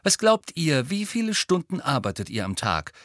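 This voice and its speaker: A man voicing a pompous, study-obsessed teenage boy who boasts loudly and pushily. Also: fairly low pitch, lively intonation, brisk, no room sound, clean studio sound. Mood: boastful. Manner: boastful, pushy, loud.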